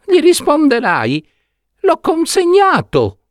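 A tiny, squeaky little prince begs over and over in a piping voice that leaps around wildly. He draws his pleas out slowly, in a dry, close storybook reading. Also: huge pitch swings, dry recording, full character voice. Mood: urgent. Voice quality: thin, tiny, high voice. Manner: begging, repeating his plea. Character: tiny enchanted young prince trapped in a box, pleading.

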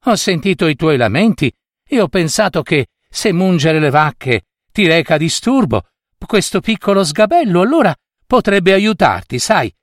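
A man doing a high, breathless tiny fairy woman. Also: big pitch swings, moderate pace, dry recording, studio quality. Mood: urgent. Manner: breathless, pleading calls. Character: tiny magical woman, kindly but stern.

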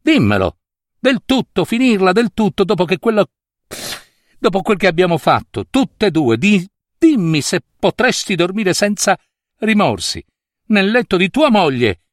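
A man's voice: high-pitched, big pitch swings, a little slow, dry recording, clean studio sound, voice pushed up. A man voicing a desperate pleading young woman. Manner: pleading, passionate.

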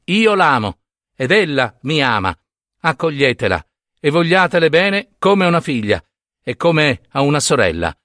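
A man's voice: a little high, big pitch swings, a little slow, a bit bright, no room sound, studio quality. A man playing a proud young prince giving a ceremonious speech to his family.

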